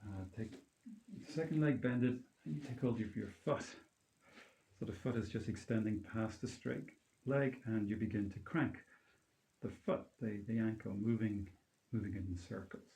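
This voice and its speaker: Male yoga teacher, calm grounding exercise, very soft mellow tone, gentle unhurried instructions, roomy echo. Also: lowish voice. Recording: roomy, echoing indoor sound.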